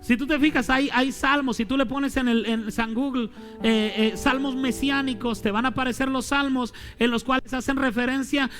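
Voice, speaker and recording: A male pastor preaching with lively, colloquial humor. He sometimes drops to a hushed, dramatic delivery. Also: very high voice, moderate pace, soft background music. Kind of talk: sermon.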